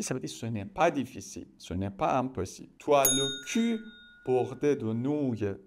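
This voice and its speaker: A man teaching French expressions, saying each phrase slowly, repeating it, then explaining it in simple words. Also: medium pitch, darkish tone. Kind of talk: explaining idioms, slow and deliberate.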